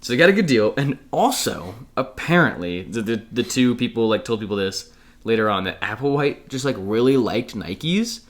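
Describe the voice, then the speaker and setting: A man co-hosting a casual podcast, at an ordinary pitch for a man, who tells stories loosely and peppers them with swearing and laughter. His delivery is chatty and unpolished. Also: animated, normal speed. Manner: laughing, profane, rambling storyteller. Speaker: podcast co-host. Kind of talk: casual chat.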